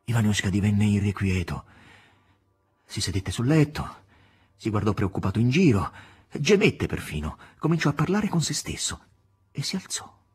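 A man's voice: on the low side, sing-song, moderate pace, darkish tone, slightly rough. A man reading a literary novel aloud with theatrical, dramatic storytelling. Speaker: audiobook reader. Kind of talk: expressive literary narration.

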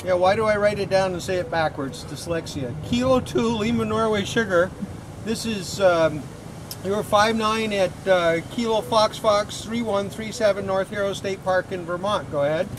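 A man working as a ham radio operator outdoors at a park, calling for contacts and spelling call signs in the phonetic alphabet with a steady, clipped cadence. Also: high-pitched, moderate pace. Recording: loud background noise.

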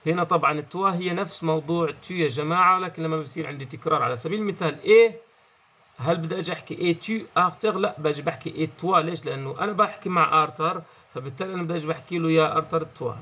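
Male teacher with a Levantine Arabic accent, slightly high voice, patient explainer, dull muffled recording. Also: rapid-fire, bright, forceful tone. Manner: explanatory, checks in with "okay?" often, repeats key words. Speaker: French teacher. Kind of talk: online language lesson.

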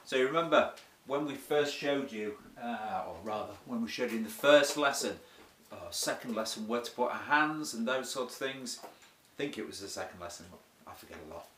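Casual male sax tutor, mid-pitched voice, friendly walkthrough, recorded in an echoey room a bit off-mic. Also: normal speed, fairly bright tone, slight background noise. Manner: chatty, self-deprecating, explains step by step. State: has the hiccups. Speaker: saxophone teacher. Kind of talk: casual music lesson. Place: room with a board. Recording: roomy echo, heard from a distance.

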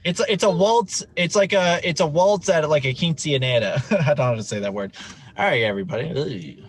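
A man's voice: fairly high pitch, fairly quick. A man co-hosting a podcast, joking, laughing and rambling in casual chat. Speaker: podcast co-host.

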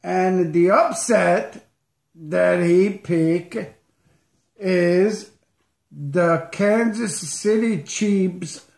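Man putting on a slow, creaky comic bumpkin. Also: high-pitched, darkish tone, heavily acted. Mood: halting, deliberate. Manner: slow, halting delivery in broken English. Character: comic Mexican cousin, rustic rhyming rancho bumpkin. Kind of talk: improvised comedy sketch character. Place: living room at home. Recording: roomy home webcam sound.

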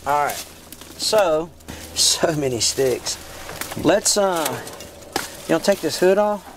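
A man hosting a casual outdoor video, folksy and excitable, laughing often as he talks. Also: a little high, takes it slowly, slight background noise. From Florida. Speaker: host. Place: outdoors in woods.

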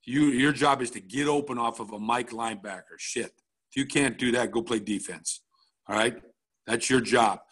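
A man's voice: mid-range voice, moderate pace, a bit bright, breathy edge. A middle-aged man, a football coach, walking through game film at a coaching clinic in a blunt, casual way, checking in often with "all right?".

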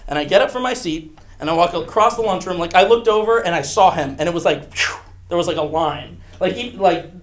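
A young man telling a rambling, self-mocking true story from high school as an improv monologue. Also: lively intonation, brisk. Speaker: improv performer.

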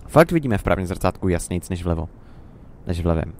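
A man's voice: sits low, very animated, a little mellow, a little hiss or hum. A young Czech man rambling and musing to himself in casual gameplay commentary. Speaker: let's play commentator.

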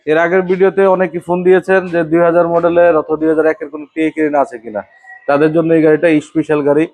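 A man with a Bangladeshi accent sells used cars in slick showroom patter. His voice sits fairly high and he talks very fast, restating prices and features as he goes. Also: flat delivery, darkish tone. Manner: slick salesman patter, repeating selling points and prices. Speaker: used car salesman at a showroom. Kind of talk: car sales pitch to camera.

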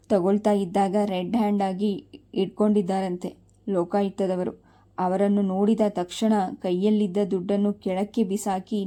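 A sharp-tongued young daughter in a storybook, mocking and gloating, voiced by a woman. The voice is dark and warm with a narrow, level pitch. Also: natural voice. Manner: sarcastic, gloating.

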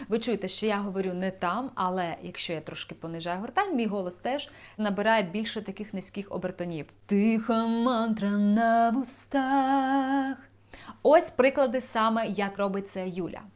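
A woman's voice: mid-range voice, fairly quick, few pauses. Enthusiastic woman vocal coach explaining. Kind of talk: video lesson on singing technique.

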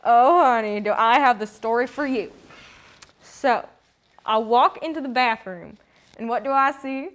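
A bubbly country rodeo queen, acted by a woman, talks in a high, bright voice with a put-on Southern drawl. She is homespun and folksy and calls everyone honey. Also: a little slow, natural voice. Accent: put-on American Southern country. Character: folksy cowgirl rodeo queen, chirpy, full of country sayings. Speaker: guest character.

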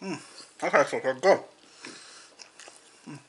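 A man's voice: a little high, moderate pace, fairly bright tone, breathy edge. A young man casually rambling in a food-tasting vlog, repeating himself and talking with his mouth full. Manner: rambling, repetitive, eats and talks with mouth full. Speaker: vlogger.

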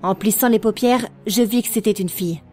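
A woman reading an audiobook in a steady, expressive storytelling manner. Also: medium pitch, a little fast, faint music behind. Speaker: audiobook narrator. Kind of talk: scripted audiobook narration.

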